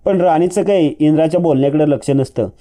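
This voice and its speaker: A man narrating a recap of a TV serial in a steady storytelling manner. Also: fairly high pitch, quick pace. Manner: steady storytelling, voices every character himself. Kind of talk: retelling a TV serial.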